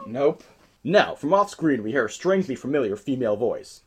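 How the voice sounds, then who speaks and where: A man reading stage directions aloud in a script table read, with a lively, expressive delivery. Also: medium pitch, moderate pace, very noisy.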